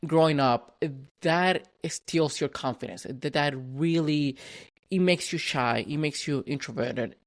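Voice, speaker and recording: A podcast guest from Venezuela, whose native tongue is Spanish, shares his story in a casual, reflective manner. His voice is a little high, and he keeps restarting and repeating words.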